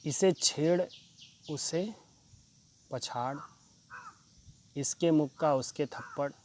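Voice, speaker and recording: A chatty middle-aged neighbour teases about the boy's mischief, read by a man. He speaks slowly, in a plain reading voice. Faint crickets chirp behind. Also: on the high side, darkish tone, a little hiss or hum. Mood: jovial. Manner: reads the part plainly in his own voice.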